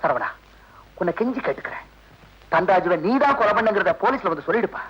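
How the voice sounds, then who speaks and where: A timid elder brother who pleads and begs through tears, his voice very high, tense and breathy. It is a dull, lo-fi old film soundtrack with music faint behind him. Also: lively intonation, fast talker, a bit bright, full character voice. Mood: pleading. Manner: pleading, tearful, crying out in pain. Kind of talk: 1970s film melodrama.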